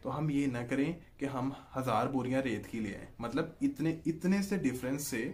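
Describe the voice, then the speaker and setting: A man with a Pakistani Urdu accent teaches an online lesson in an unhurried, explanatory way. His voice sits at an ordinary middle pitch. He keeps pausing to check that the listener is following. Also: a little mellow, a little hiss or hum. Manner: patient, repeats "ठीक है जी" to check in, draws out example sounds. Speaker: language teacher.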